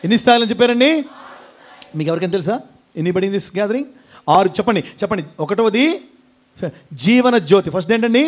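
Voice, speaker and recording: A man's voice: sits high, lively intonation, a little fast, long pauses. A man preaching a devotional discourse to a gathering. He chants long lists of holy titles and quizzes his listeners with questions. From India. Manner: fervent, chanting lists of epithets, quizzing the audience; breaks into chants and call-outs. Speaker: devotional speaker.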